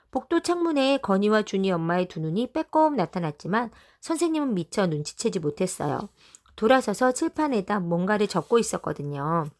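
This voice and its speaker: Reading a kids' storybook to her class, a teacher brings the story to life with animated energy. She gives the mothers their own voices through rapid pitch leaps.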